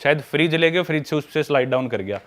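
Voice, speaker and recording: A man's voice: a little high, quick pace. Man telling a travel story in a podcast. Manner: animated storyteller who acts out quoted dialogue; mixes English words into Hindi.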